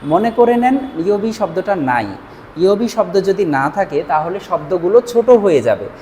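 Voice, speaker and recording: Man, language teacher, frequent "ah" pauses, slow louder drilling of words, faint background hiss. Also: high voice, big pitch swings. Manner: stops often with "ah" fillers; says Japanese words slowly and louder, then repeats them. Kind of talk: online language lesson.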